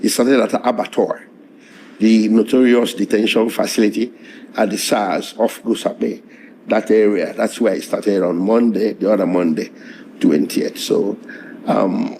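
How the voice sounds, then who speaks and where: A middle-aged man answers interview questions in a hoarse, strained voice. His delivery is measured and halting, full of restarts. The tone is low, dark and gravelly. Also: steady tone, slight background noise. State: hoarse, voice strained after tear gas. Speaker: lawyer being interviewed. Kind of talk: interview, recounting events.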